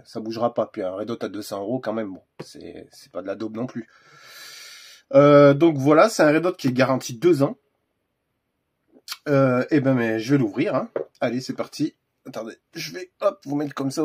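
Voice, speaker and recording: A man's voice: mid-range voice, darkish tone, breathy edge. A man hosting a casual unboxing video, talking hesitantly with lots of fillers and restarts. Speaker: gun accessory reviewer.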